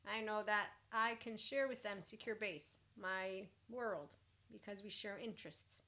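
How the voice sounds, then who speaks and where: A woman with a bright, forward voice at a medium pitch gives an informal mentoring talk. She is blunt and expressive, wandering into asides as she goes. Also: measured pace. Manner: informal, blunt, swears casually. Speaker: mentor and host.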